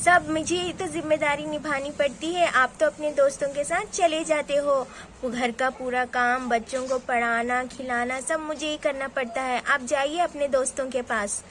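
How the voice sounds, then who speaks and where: A woman's voice: high voice, fairly even intonation, moderate pace, fairly bright tone, a little hiss or hum. Woman doing an indignant village mum. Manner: indignant, complaining. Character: harried village mother, quick to scold.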